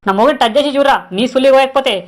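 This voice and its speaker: A woman's voice: high-pitched, soft background music, close to an everyday voice. A woman playing a fierce, foul-mouthed village woman who scolds a campaigner, speaking in a Telangana Telugu accent. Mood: angry scolding. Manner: abusive, rapid-fire scolding.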